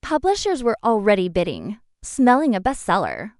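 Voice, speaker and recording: A woman narrating a dramatic first-person revenge story in an expressive storytelling manner. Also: medium pitch, moderate pace, dry recording, clean studio sound.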